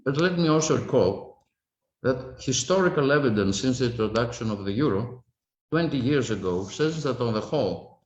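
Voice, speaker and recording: A man panellist giving formal prepared remarks over a video call, in a measured, deliberate way. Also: medium pitch, lively intonation, darkish tone. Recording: echoey, muffled video-call audio.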